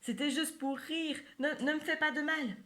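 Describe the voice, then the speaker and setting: A woman's voice: high voice, steady tone, moderate pace, sharp tone, pitched above the performer's own voice. Woman doing a sly greedy fox. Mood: pleading. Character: sly greedy male fox who turns cowardly.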